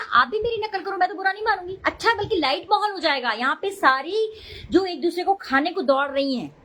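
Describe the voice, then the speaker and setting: A woman's voice: very high-pitched, fairly bright tone, rough recording. A middle-aged woman chatting casually on a live stream, talking defensively and greeting viewers mid-talk.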